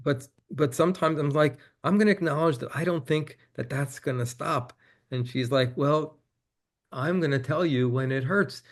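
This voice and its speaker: A man's voice: on the high side, moderate pace. Candid man telling a story on a call. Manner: candid, animated when quoting his own exchanges. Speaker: interview guest, author. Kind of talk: reflective conversational storytelling.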